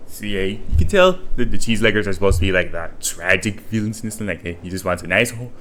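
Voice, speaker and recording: A man talks through his gameplay in a casual, rambling way, with lots of fillers. His voice is low but has a sharp, bright edge. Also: expressive, quick pace, a little hiss or hum. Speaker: gaming channel host. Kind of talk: let's play commentary.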